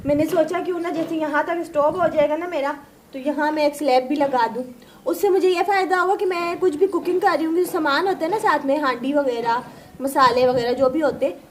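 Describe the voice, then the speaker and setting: A high-voiced woman vlogs casually from a village courtyard, talking straight to her viewers. She is chatty and animated, acting out arguments and keeps asking "right?". Faint outdoor ambience sits behind her voice. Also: slight background noise. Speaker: village vlogger. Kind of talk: casual vlog chat to viewers.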